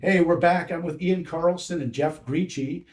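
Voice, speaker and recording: A man's voice: a little high, unhurried, darkish tone, soft background music. A man hosting a casual interview show, upbeat and chatty with frequent fillers. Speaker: host.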